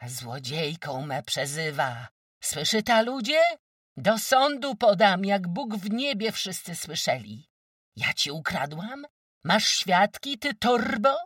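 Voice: big pitch swings, slow pace, a bit bright, breathy edge, no room sound, clean studio sound, far from the mic, heavily acted. A reader voicing a mocking, foul-mouthed peasant woman who jeers and shrieks at her neighbors in an audiobook. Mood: shrieking anger. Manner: jeering, shrill, mocking. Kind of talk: audiobook character reading.

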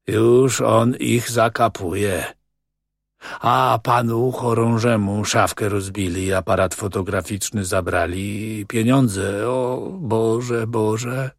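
A man reading as a tearful, whining man who pleads and laments a robbery in sobbing, monotonous words. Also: on the low side, slow, creaky, no room sound, studio quality, full character voice. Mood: lamenting.

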